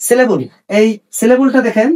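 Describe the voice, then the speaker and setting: A man teaching an English lesson. He asks questions and then answers them, and spells out English phrases slowly. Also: extremely high pitch, fairly even intonation, darkish tone, distant mic.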